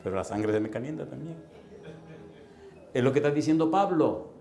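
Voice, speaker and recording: A man preaching a sermon as a pastor, telling stories animatedly and acting out voices and sounds, with forceful emphasis. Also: medium pitch, animated, moderate pace, reverberant. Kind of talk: storytelling sermon.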